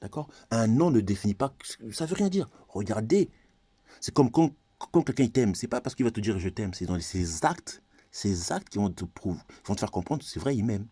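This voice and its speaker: Man, from Congo, vlog rant, confrontational, rhetorical questions, dark mellow voice. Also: fairly low pitch, animated, normal speed, husky, no room sound. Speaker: vlogger. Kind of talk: ranting vlog monologue.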